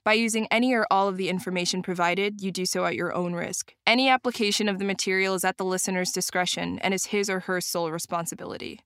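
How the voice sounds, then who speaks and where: A woman reading a legal disclaimer in a brisk, even voice. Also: mid-range voice, clear, resonant tone. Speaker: disclaimer announcer.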